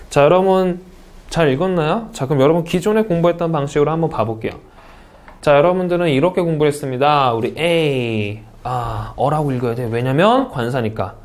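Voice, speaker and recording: A South Korean man with a slightly high, somewhat mellow voice teaches an English speaking test course in an online lecture. He often puts questions to his students and answers them himself.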